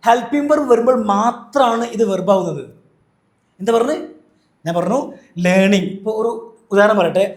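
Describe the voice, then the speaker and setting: Man, high voice, grammar lesson, echoey room. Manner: asks and answers his own questions, repeats key points. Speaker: English teacher.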